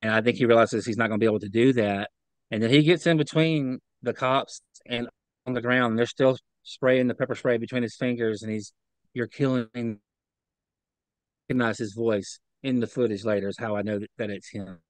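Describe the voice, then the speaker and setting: A man gives remote interview testimony in a mid-range voice with fairly even intonation. Earnest and halting, he repeats words when upset, and the recording is rough with no room sound.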